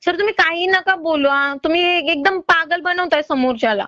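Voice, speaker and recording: Her voice very high-pitched, pushed and bright, a woman makes a phone call to recover a loan at normal speed. She's polite but insistent and exasperated. The recording is dry, with the slightly dull quality of a phone call.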